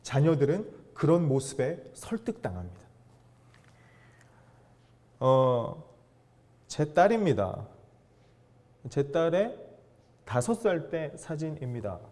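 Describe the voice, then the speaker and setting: A man giving a storytelling lecture to fathers, animated and acting out the dialogue he quotes. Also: fairly high pitch, takes it slowly, pauses often.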